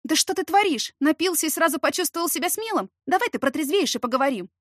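A woman's voice: high-pitched, lively intonation, fast talker, dry recording, studio quality, voice pushed up. A woman voicing an indignant young woman sharply fending off a drunk man. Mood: alarmed. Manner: sharp, exclaiming. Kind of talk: audiobook character reading.

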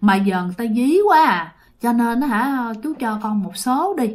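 A woman voicing a young man who begs a ghost in a soft, hesitant, pleading tone. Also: a little high, expressive, normal speed, lightly acted.

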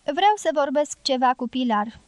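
A woman reading an audiobook, voicing a quiet, restrained American man with terse, subdued lines. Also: high-pitched, expressive, no room sound. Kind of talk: audiobook character voice.

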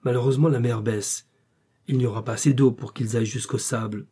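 Brief: man doing a grave, deferential old sailor, husky mellow voice, audiobook. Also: medium pitch, fairly even intonation, a little fast, close to an everyday voice. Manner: respectful, plain-spoken. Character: old male sea pilot, weathered and deferential.

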